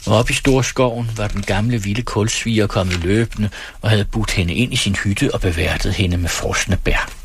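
A man hosting a radio show, reading fiction aloud in a calm, measured way into a studio microphone. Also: lowish voice, slight background noise. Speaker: radio host reading stories.

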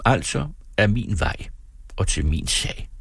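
Male reader for a classic essay: low, husky voice, close and dry, with a theatrical delivery. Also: animated, a bit bright, no echo. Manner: theatrical, swings between high and low. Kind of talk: dramatic reading of an old essay.

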